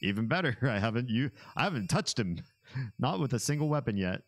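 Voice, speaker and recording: A man's voice: medium pitch, lively intonation, fairly quick. A man giving casual gameplay commentary with wry, joking asides. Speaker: gamer playing and commenting.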